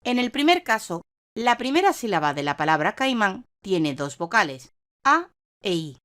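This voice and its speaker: A woman with a Spanish accent reading a scripted grammar lesson in a clear, measured teaching voice. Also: mid-range voice, big pitch swings, a bit bright. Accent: Spanish (Spain). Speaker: online course narrator. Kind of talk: scripted narration.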